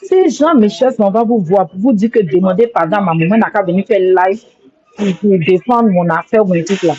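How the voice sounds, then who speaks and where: A woman's voice: mid-range voice, expressive, moderate pace, mellow, faint music behind. A woman speaking on a live stream, rambling and repeating herself as she apologizes with emotion. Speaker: social media livestreamer. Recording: dull lo-fi phone audio.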